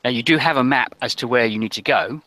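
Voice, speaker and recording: A man running a tabletop role-playing game as game master, talking haltingly with many ums and restarts. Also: medium pitch, bright, forceful tone, no room sound, low-quality recording.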